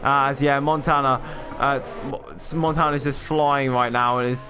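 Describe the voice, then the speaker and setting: A man's voice: mid-range voice, fairly even intonation, moderate pace. A man commentating a sim racing stream, rambling with lots of fillers and self-deprecating asides. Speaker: lead race commentator.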